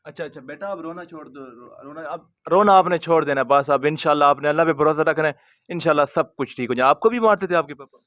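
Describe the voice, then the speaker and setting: A male host interviewing a family, speaking gently and soothingly, repeating reassurances. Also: fairly high pitch, no echo, highs cut off. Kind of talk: street interview, consoling.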